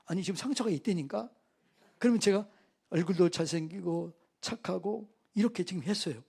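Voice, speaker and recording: Husky high-voiced male preacher. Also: a little mellow. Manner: call-and-response preaching, asks the congregation questions. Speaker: preacher at a revival meeting. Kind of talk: sermon. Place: church.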